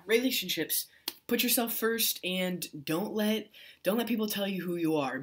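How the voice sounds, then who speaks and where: A man's voice: fairly high pitch, a bit bright. A young man talking casually to camera in a vlog, rambling with restarts and fillers. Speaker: vlogger.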